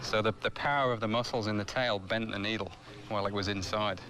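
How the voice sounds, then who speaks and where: A man's voice: on the low side, steady tone, fast talker, bright, forceful tone. A man speaking as an animal expert on location in a nature documentary, explaining things in an unscripted way. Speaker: crocodile expert. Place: outdoors on location. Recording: outdoor location sound with music.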